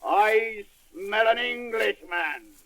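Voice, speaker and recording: A man voicing a huge, cruel, man-eating giant in a storybook reading, chanting slowly and heavily. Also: bright, forceful tone, exaggerated voice. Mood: menacing. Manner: slow, booming chant.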